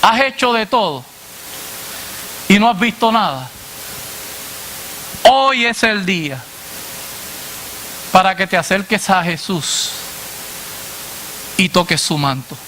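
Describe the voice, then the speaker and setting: A man preacher delivering a sermon to a congregation, asking "what?" and answering himself in a lower voice, addressing listeners as brother. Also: expressive, slow pace, pauses often, pushed and bright, slight background noise. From Latin America. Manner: call-and-response questions, dropping low on the answer.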